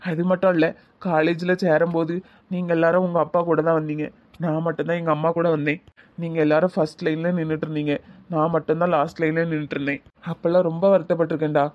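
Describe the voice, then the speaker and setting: A man's voice: a little high, little pitch movement, quick pace, highs cut off, natural voice. A man voicing a troubled, jobless young man in a cartoon, with heavy, regretful talk in a Tirunelveli Tamil accent. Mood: hurt. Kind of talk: cartoon voice acting.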